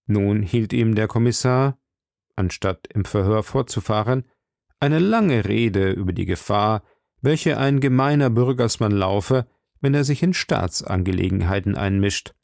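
A man narrating a literary audiobook in a measured, storytelling way. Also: on the low side, animated, vocal fry, a little mellow, dry recording, clean studio sound.

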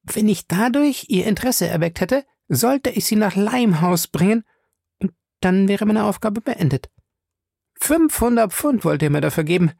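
A man's voice: high-pitched, expressive, moderate pace, creaky, a little mellow, dry recording, studio quality, voice pushed up, heavily acted. A man reading an audiobook voices a married society woman who speaks in an affected, urgent way. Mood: affected, worried. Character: poised married woman, worried and a little affected. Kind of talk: audiobook character voice.

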